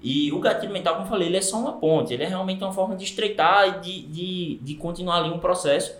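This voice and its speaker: Man, Brazilian Portuguese accent, casual podcast talk, emphatic, animated, echoey room. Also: high-pitched, fast talker. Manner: animated, emphatic, many fillers and restarts. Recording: roomy echo.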